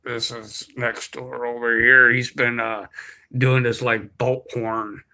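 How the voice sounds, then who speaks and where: A man talking to camera at home, halting, with many fillers and restarts. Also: medium pitch, flat delivery, bright, forceful tone, low-quality recording. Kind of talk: casual monologue to camera. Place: indoors at home, beside a window.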